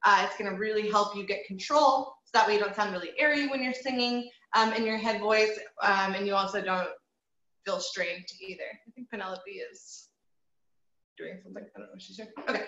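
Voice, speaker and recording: A woman's voice: mid-range voice, fairly quick, pushed and bright, a little hiss or hum. A woman voice teacher giving a group singing lesson, encouraging and patient, with frequent ums and sung demonstrations. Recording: roomy, slightly dull audio.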